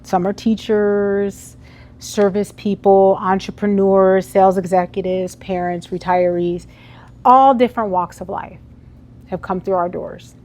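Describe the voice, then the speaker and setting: A woman's voice: mid-range voice, steady tone, unhurried, a little mellow. A woman giving a motivational keynote speech to a live audience in an event hall, talking conversationally and putting questions to the crowd. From United States. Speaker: keynote speaker.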